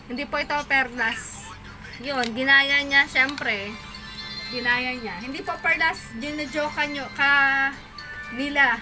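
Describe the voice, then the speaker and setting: A woman chatting casually on a live-stream while selling stones and amulets, animated and mocking. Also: high-pitched, slow pace, music in the background. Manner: animated and mocking, with frequent laughter. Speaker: online seller of stones and amulets. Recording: noisy background.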